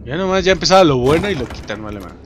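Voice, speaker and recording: A young man with a Mexican accent, giving loud, profane let's-play commentary and shouting at enemies. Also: fairly high pitch, big pitch swings, very fast. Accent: Mexican Spanish. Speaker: gaming YouTuber. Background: game music.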